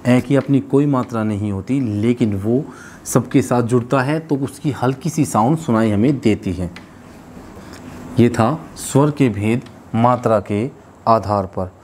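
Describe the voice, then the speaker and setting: A man's voice: medium pitch, unhurried, darkish tone, a little hiss or hum. A man teaching a lesson, explaining step by step, repeating key terms and correcting himself along the way. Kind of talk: classroom lesson.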